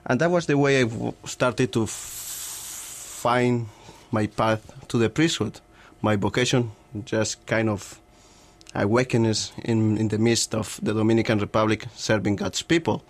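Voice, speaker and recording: Colombian guy, lowish voice, slow careful speech. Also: steady tone. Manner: slow, careful, with small restarts. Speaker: seminarian guest.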